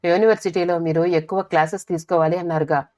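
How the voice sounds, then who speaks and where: A woman voicing a calm, firm middle-aged wife who reasons gently. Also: fairly low pitch, quick pace, lightly acted. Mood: firm, soothing.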